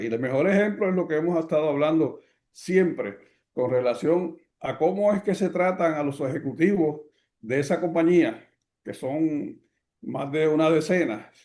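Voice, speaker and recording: Mellow Puerto Rican man, slightly high pitch. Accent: Puerto Rican Spanish. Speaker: host of a current affairs program. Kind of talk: political commentary.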